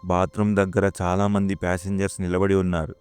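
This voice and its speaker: A man narrating a horror story in a steady, unhurried storytelling manner. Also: deep voice, clear, resonant tone, soft background music.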